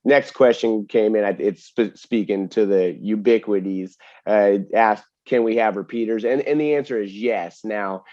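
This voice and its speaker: A man who hosts a webinar and serves as a distributor's product expert explains technical details in a casual Q&A. His fairly low voice is a little mellow, heard without room sound and with the highs cut off. He's explanatory and often checks for agreement with tag questions.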